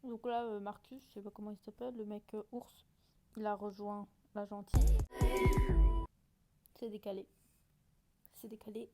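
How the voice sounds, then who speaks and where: A woman's voice: medium pitch, level tone, moderate pace, long pauses, loud music behind the voice. A woman chatting casually and hesitantly as she reacts to her own old videos, often mocking herself.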